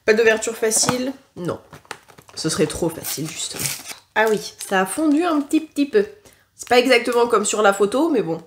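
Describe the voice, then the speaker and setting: A woman's voice: a little high, expressive, a little fast, slight background noise. A woman chats through a snack taste test in a casual, frank way. She stops often on filler sounds and restarts her sentences as she works out what to say. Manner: chatty and frank, leaning on "franchement" and "concrètement"; hesitant, with frequent filler sounds and self-corrections. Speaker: food tasting vlogger.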